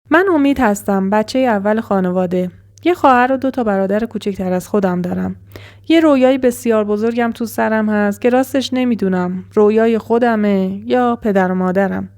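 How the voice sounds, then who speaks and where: A woman narrating a first-person horror story in an even, measured way as storyteller. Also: a little high.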